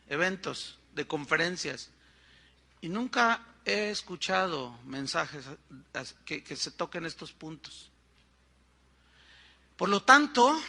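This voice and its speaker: A man's voice: high voice, bright, forceful tone. An older Mexican man, a pastor, preaching a sermon in a conversational storytelling way, with frequent asides to the congregation.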